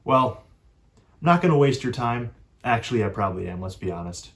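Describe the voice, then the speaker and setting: A hoarse man hosting a gaming video, chatting casually in a rambling, self-deprecating way with lots of fillers. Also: medium pitch, lively intonation, fairly quick, fairly bright tone. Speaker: gaming channel host. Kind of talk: casual gameplay chat. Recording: roomy echo, distant mic.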